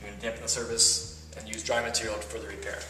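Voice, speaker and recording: A man demonstrating wall repair techniques step by step, explaining in a relaxed way with frequent fillers. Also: lowish voice, quick pace. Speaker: plaster instructor. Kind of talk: instructional demonstration. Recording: roomy echo, voice from a distance, faint music.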